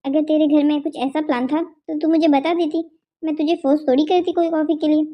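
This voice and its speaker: A woman's voice: high voice, fairly even intonation, a little fast, lo-fi sound, lightly acted. A woman voicing a sensible young female friend who gives frank advice in a cartoon. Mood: advising. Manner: frank, advising.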